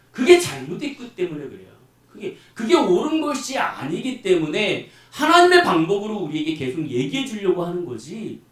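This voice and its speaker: A man preaching a sermon as pastor, in a lively, chatty way that acts out little scenes. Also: high-pitched. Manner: animated, colloquial preaching with acted-out voices. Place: church hall. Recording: echoey hall, mic from far off.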